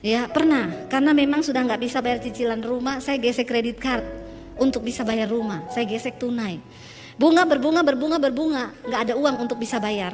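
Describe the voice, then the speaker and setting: A woman's voice: on the high side, a little fast. A woman pastor preaching a sermon, telling her own story with emotion and joking with the congregation. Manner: emotional testimony with audience banter. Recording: long hall reverb with faint music.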